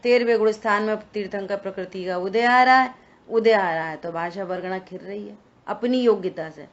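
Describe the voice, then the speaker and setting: Speaking at normal speed in a mid-range voice, a woman leads a scripture study session, explaining points and answering her own questions. The recording is dull and lo-fi.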